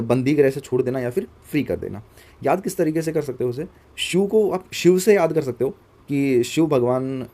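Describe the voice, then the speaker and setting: This young man speaks at a medium pitch with a dark tone while teaching exam vocabulary. His delivery is chatty, he spells each word letter by letter, and he asks his audience to leave comments.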